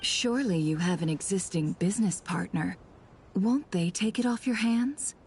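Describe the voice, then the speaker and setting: An actress playing a shrewd, composed female trader in a video game, speaking in a cool, measured way. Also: mid-range voice, darkish tone, slight background noise, close to an everyday voice. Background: music.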